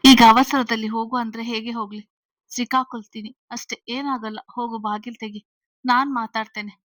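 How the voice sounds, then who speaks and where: A woman's voice: fairly high pitch, steady tone, normal speed, fairly bright tone, no room sound, natural voice, rough recording. A woman voicing a bold, confident young man in love who talks bluntly and straight in an audio story. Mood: assured.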